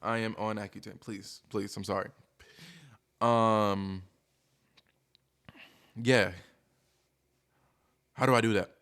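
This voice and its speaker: Male streamer, lower-pitched voice. Candid, casual confessional delivery that rambles and hesitates, putting himself down as he goes. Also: flat delivery, slow pace, pauses often, fairly bright tone. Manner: self-deprecating; rambling, hesitant, thinking aloud.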